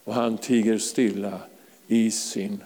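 A man preaching a fervent sermon to a congregation, calling out hallelujahs and sometimes rising to a shout. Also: lowish voice, little pitch movement, long reverb tail. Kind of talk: charismatic sermon. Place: church.

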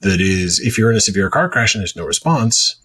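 Husky low-ish guy hosting a podcast, rambles through stories. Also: expressive, brisk, fairly bright tone. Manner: rambling anecdotal storyteller. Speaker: podcast host. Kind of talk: casual podcast chat.

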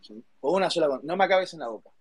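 A husky Rioplatense man hosts a rowdy live audio chat. His voice sits a bit high and sounds close and dry. He talks with sarcastic, mock-offended indignation. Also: animated, rapid-fire, no room sound. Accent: Rioplatense Spanish. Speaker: host of a live audio space. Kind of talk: heated casual chat.

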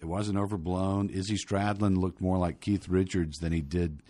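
A man's voice: deep voice, steady tone, normal speed, dark tone, no room sound. A man co-hosting a casual rock podcast, arguing his case with stammering restarts. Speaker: podcast co-host. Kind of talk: casual chat.

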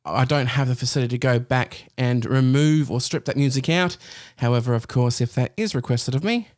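A man hosting a casual podcast in a studio, chatty and quick to laugh, with a slight lisp from a bitten tongue. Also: medium pitch, no echo. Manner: chatty, laughs often, hesitant fillers. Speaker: podcast host.

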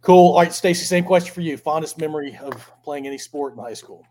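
A man's voice: on the high side, fast talker, dark tone. A man hosting a casual chat, friendly and enthusiastic. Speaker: host asking questions.

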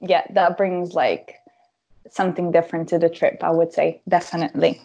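A woman's voice: fairly low pitch, fairly even intonation, normal speed, creaky, warm tone, lo-fi sound. A 21-year-old woman from Croatia, chatting as a podcast guest, giggling often and filling her talk with "like". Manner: giggly, chatty, many "like" fillers. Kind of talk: casual podcast interview.

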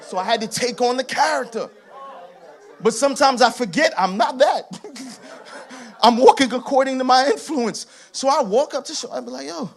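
With a very high voice touched by vocal fry, a Haitian-heritage preacher gives his sermon at normal speed. Emphatic, piled-up repetitions climb to shouts before he loosens up with chatty, laughing asides.

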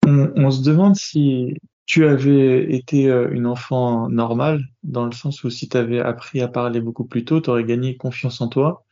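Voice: medium pitch, fairly even intonation, moderate pace, hardly any pauses, dark tone, lo-fi sound. A podcast host interviewing a guest casually, asking probing follow-up questions.

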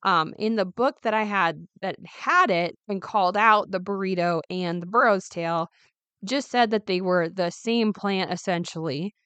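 Raspy woman podcaster, hoarse from a cold. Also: medium pitch, unhurried, fairly bright tone, no room sound. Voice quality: raspy, slightly gravelly voice from a cold. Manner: chatty, informal, self-correcting. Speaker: podcast host. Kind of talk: casual solo podcast talk.

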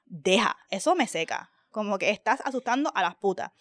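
A young woman co-hosts a podcast, chatting casually in a Puerto Rican Spanish accent as she tells animated stories and slips into English phrases. Her medium-pitched voice is expressive and a bit bright, her pace a little fast, with no echo.

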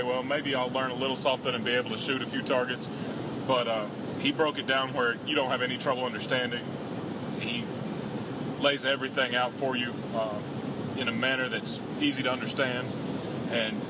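A man co-hosting in casual conversation from inside a truck cab. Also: mid-range voice. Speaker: co-host, firearms instructor. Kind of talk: casual chat. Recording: distant, very loud vehicle noise.

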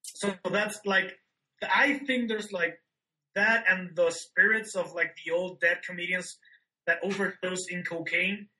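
A man's voice: high voice, fairly even intonation, a little slow, pushed and bright, low-quality recording. A man co-hosting a podcast in casual chat, telling loose rambling stories, recorded over a remote call. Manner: rambling, loose, many "like" fillers, laid-back storytelling. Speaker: podcast co-host. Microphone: remote call microphone.

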